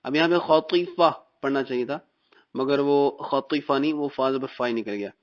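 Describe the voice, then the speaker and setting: A man from Pakistan teaching Quran reading in a recorded lesson, patiently explaining and drilling letter sounds slowly. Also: mid-range voice. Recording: dull, muffled recording.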